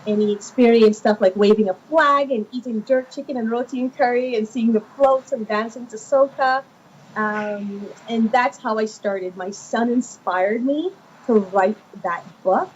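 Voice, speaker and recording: A woman from Guyana, a children's author in her thirties, telling her stories in an animated conversational interview with many fillers. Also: on the high side, a little slow. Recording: muffled lo-fi with faint noise.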